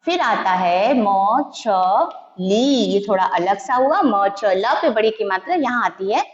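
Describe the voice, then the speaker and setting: A woman teaching young children, slow and patient, spelling out each syllable one by one. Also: medium pitch, expressive. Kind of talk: Hindi alphabet lesson for young children. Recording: echoey room, dull lo-fi sound.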